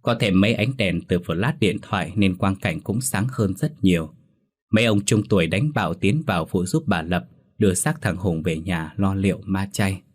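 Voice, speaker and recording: Male horror storyteller, low and husky, measured scripted reading.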